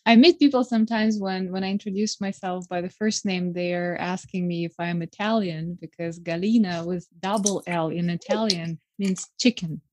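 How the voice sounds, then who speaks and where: A woman's voice: on the low side, steady tone, moderate pace, few pauses, darkish tone. A woman with an Eastern European accent co-hosting a podcast, chatting in a friendly way. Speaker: podcast co-host. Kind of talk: casual podcast conversation.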